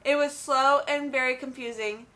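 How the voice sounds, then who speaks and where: Bright-voiced gushing young woman. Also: high-pitched, fairly even intonation, normal speed. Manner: gushing, chatty, many "like"s. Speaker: book reviewer. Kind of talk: casual book review vlog.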